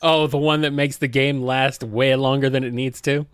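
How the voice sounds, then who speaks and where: A man's voice: medium pitch, level tone, normal speed, smooth, no room sound, clean studio sound. A laid-back man in casual podcast chat who laughs often as a co-host.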